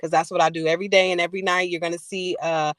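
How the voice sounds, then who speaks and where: A woman's voice: on the low side, flat delivery, racing, fairly bright tone, no room sound. A woman writer talking casually as a podcast guest, playful and chatty. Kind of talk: casual conversation.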